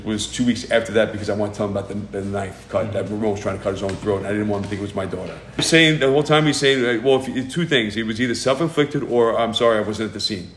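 A middle-aged man recounts events as a grieving father, speaking very quickly in an agitated rush and acting out other people's words. His voice sits in a roomy, echoing space. A faint ambient hum runs underneath. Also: on the low side. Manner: fast, agitated storytelling, acting out quotes. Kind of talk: emotional recounting in an interview.

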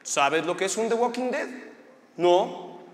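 Guy putting on a brash mexican comedian, crude and teasing, high voice. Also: animated, slow pace, in a large hall. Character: brash male comedian goading an audience member.

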